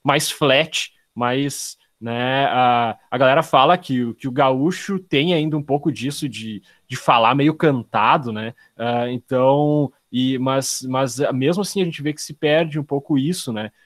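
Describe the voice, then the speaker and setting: Guy on a video call, dry sound, thinks out loud with lots of fillers. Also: mid-range voice, a little slow, few pauses, dry recording. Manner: thoughtful, many fillers and restarts. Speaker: study group participant. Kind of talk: casual video call discussion.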